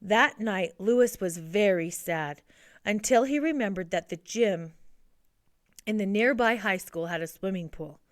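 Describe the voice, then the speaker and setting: A woman narrating a children's picture book in a steady storybook reading. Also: mid-range voice, unhurried, dry recording, clean studio sound.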